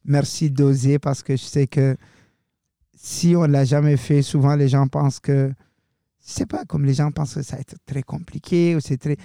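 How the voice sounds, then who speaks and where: A young man hosts a student radio show, talking loosely and casually and dropping in English words. His voice is on the high side, gravelly yet mellow, with fairly even intonation and a moderate pace, captured dry on a studio-quality microphone.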